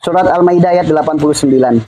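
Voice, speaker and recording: A man's voice: fairly high pitch, rapid-fire, warm tone, slight background noise, low-quality recording. A middle-aged man giving religious health advice to viewers, with a preachy, repetitive delivery and frequent laughs between points. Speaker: Islamic health advice speaker. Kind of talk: religious advice talk answering questions.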